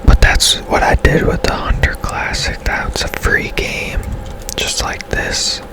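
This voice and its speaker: Whispering in a soft, breathy way, a man hosting a game stream talks casually through a video game, his ASMR-style thoughts drifting along unhurriedly.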